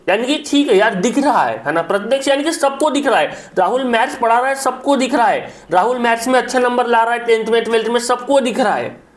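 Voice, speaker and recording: A man teaching English vocabulary for exam prep. He keeps repeating himself and checking in with the viewer in a friendly, coaxing way. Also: high-pitched. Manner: repetitive and coaxing, keeps saying "my brother" and "isn't it".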